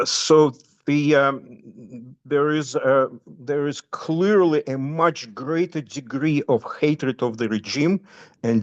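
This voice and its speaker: Man, Russian accent, slow deliberate delivery, halting with fillers, slightly dull lo-fi recording. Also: medium pitch. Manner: halting, many fillers and restarts. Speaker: guest commentator. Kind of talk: spoken current-affairs update.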